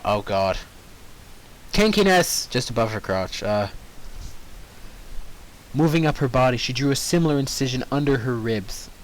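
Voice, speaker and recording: Captured in a low-quality recording, this mid-range male voice narrates a piece of fan fiction. He keeps getting sidetracked, breaking in with informal, humorous commentary of his own.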